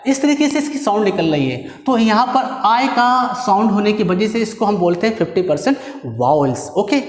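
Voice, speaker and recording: A man's voice: high-pitched, big pitch swings. A man leads an English lesson, walking through each point and stopping to check in with his listeners. His voice rings out with a long, roomy reverb, as if he is speaking in a large bare hall. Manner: explains step by step, often checks in with "okay"; drills letters slowly and invites the class to repeat. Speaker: English teacher. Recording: echoey room with long reverb.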